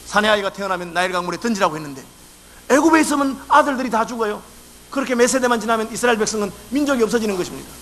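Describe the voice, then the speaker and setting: A man's voice: sits high, expressive, racing, a bit bright. A male pastor preaching a sermon in a church, acting out complaints in dialect. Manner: acts out quoted complaints in dialect. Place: church sanctuary.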